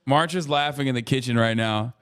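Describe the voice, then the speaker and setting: A man's voice: medium pitch, brisk, a bit bright, smooth. A man in his thirties, a streamer talking casually and profanely in a rambling way while reacting to a video. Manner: profane, rambling, frequent "you know what I mean".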